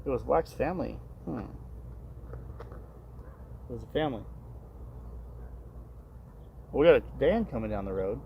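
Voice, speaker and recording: A man's voice: medium pitch, lively intonation, brisk, creaky, lo-fi sound, a little hiss or hum. A man hosting a casual live stream outdoors on a residential street, chatting and musing aloud to his viewers. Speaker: livestream host.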